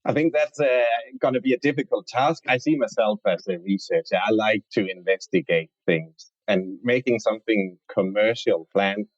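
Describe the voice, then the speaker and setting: Guy, researcher, kinda low voice, slow careful answers, dry muffled audio. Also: no room sound. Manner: thoughtful, hesitant, restarts often. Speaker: researcher and award winner. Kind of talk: interview answer. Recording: dull lo-fi dry sound.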